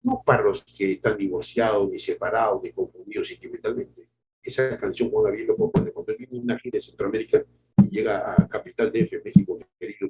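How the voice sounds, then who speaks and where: A man, preaching a sermon in an animated way, repeating words and acting out quotes. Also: lowish voice, slight background noise, rough recording. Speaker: pastor.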